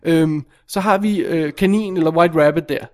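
High-voiced exasperated man reviewing a film. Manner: animated, exasperated. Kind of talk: casual film review chat.

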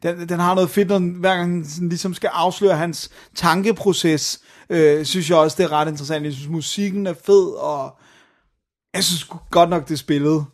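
Guy on a film podcast, kinda high voice, excited and slangy, throws in english words. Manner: enthusiastic, slangy, mixes in English phrases. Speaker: podcast co-host. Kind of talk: casual film chat.

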